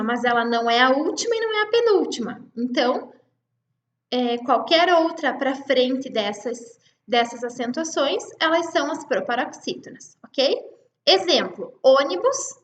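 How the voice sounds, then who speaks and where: A woman's voice: sits high, expressive, moderate pace, a bit bright, reverberant. A woman teacher with a Brazilian Portuguese accent giving an online class, explaining patiently step by step and checking in with her students.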